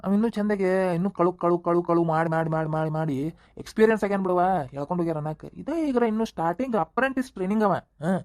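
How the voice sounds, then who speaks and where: A woman's voice: lowish voice, fast talker, a little mellow, lightly acted. A brash young thief, the elder son in a village cartoon, voiced by a woman. He talks with a cocky swagger, forever calling his mother "bē". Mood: puzzled. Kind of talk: cartoon voice acting.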